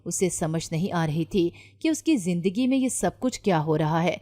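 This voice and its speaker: A woman storyteller reading a scripted moral tale. Her delivery is steady and even, sitting a little low for a woman.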